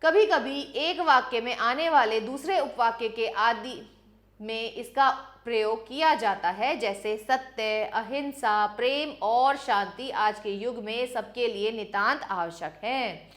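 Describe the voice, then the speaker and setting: A woman with a fairly high voice gives a grammar lesson to schoolchildren. She explains each point patiently, step by step, and stops to put questions to the class. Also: slow pace, fairly bright tone. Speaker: teacher.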